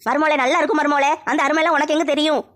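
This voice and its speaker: A woman as a scheming old mother-in-law in a comedy sketch, her voice pitched very high and her words tumbling out fast. She grumbles, coaxes and scolds by turns. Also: fairly even intonation, fairly bright tone. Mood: sweet, coaxing. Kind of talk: comedy skit acting.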